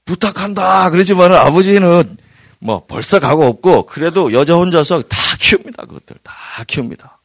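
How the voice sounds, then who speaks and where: A male pastor delivering an evening prayer-meeting sermon, swinging between loud emphatic bursts and hushed near-whispers. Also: on the high side, lively intonation, normal speed, no room sound, clean studio sound. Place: church hall.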